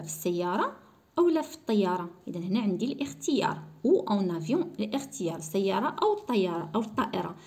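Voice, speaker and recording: A woman with a Moroccan accent explains a French spelling lesson for schoolchildren and says French words slowly and clearly. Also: mid-range voice, mellow. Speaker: primary school French teacher.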